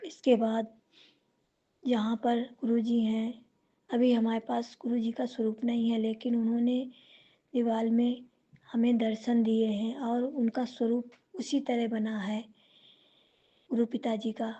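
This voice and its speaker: A woman sharing a devotional testimony, speaking slowly and reverently and chanting mantras. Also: fairly high pitch, level tone, mellow, dull audio.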